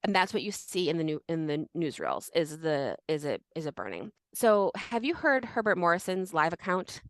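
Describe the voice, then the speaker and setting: A woman's voice: on the low side, very animated, moderate pace, dry recording. A woman co-hosting a podcast in casual chat, telling the story in a chatty way full of fillers. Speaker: podcast co-host.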